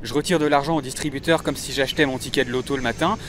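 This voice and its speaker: A man's voice: medium pitch, steady tone, racing, crowd noise. A young French man with a French accent, delivering a mock-serious, self-mocking comic monologue outdoors on a city street. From France. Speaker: comedy vlogger.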